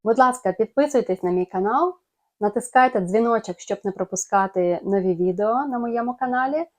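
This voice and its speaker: A woman's voice: fairly high pitch, a little fast. A woman with a Ukrainian accent teaching pronunciation, carefully demonstrating sounds for listeners to repeat. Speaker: English teacher. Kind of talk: pronunciation lesson.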